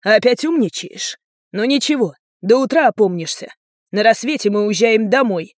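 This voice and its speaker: Woman reader doing an angry shouting dad, harsh and stern, audiobook. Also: fairly high pitch, expressive, normal speed, dry recording, studio quality, lightly acted. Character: furious stern father, middle-aged man.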